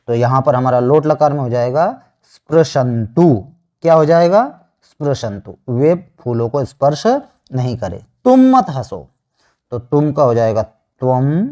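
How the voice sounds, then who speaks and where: A man teaching Sanskrit grammar online, slowly repeating each answer after asking it back. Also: mid-range voice, a little mellow. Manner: slow, repeats answers with rhetorical questions. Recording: dull lo-fi sound.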